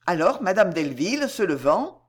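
A woman narrating a classic novel as an audiobook, in an even, composed manner. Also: on the low side, normal speed, breathy edge. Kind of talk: audiobook reading.

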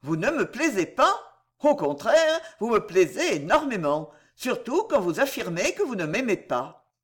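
A frank young gentleman who speaks politely but says exactly what he thinks, as a woman reader puts him on. His lines drop a touch lower and calmer than the rest, still lively in their turns. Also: a little slow, breathy edge. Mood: courteous. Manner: courteous yet blunt, earnest.

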